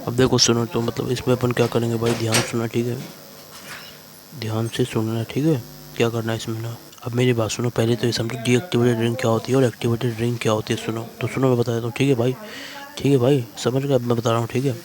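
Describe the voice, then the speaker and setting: A man's voice: medium pitch, monotone, fast talker, a crowd in the background. A man teaching chemistry in a casual exam-prep lecture, constantly checking in with "thik hai bhai" and coaxing students along.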